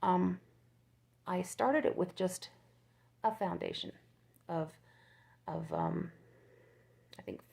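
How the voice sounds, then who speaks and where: A woman's voice: lowish voice, takes it slowly, creaky, long pauses, a little mellow, breathy edge. An older woman, a crochet YouTuber, chatting casually and rambling as she shows off her work. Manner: rambling, chatty, restarts and laughs. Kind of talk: casual show-and-tell chat.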